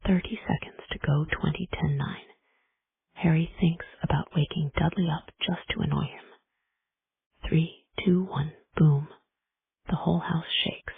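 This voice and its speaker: An audiobook narrator tells a story in an unvoiced whisper, with a steady, simple reading. The whisper has a raspy, gravelly texture. The recording is dry and tinny, like a phone line. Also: medium pitch, measured pace.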